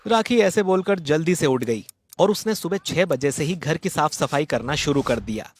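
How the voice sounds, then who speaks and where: A man narrating a dramatized moral story in a steady, plain storytelling manner. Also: on the high side, moderate pace, breathy edge, no echo.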